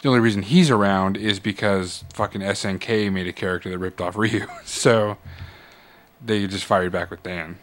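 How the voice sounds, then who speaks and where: A man's voice: on the low side, fairly even intonation, moderate pace. A young adult man in casual chat, explaining trivia in long runs and swearing.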